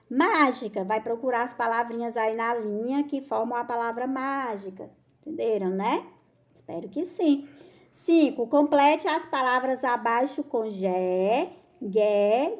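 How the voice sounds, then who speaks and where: Brazilian woman teacher, high voice, patient and affectionate, drags out key words for kids. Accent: Brazilian Portuguese. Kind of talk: recorded school lesson for children.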